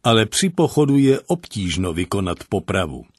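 A man's voice: lowish voice, big pitch swings, darkish tone, no echo, studio quality. A man voicing a dutiful male army officer, anxious and respectful, who reports to his general in a formal way. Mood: reporting.

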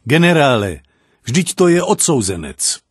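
A man's voice: medium pitch, very animated, no echo, studio quality. A man voicing a dutiful male army officer, anxious and respectful, who reports to his general in a formal way.

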